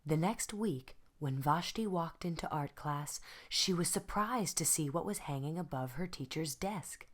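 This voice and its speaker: A woman reading a children's storybook aloud in an expressive, deliberate style, like an art teacher to pupils. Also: deep voice.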